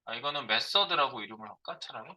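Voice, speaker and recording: A man's voice: medium pitch, expressive, fast, sharp tone, rough recording. A middle-aged man giving a live coding lecture as a programming instructor. He thinks aloud while he types, asking and answering his own questions.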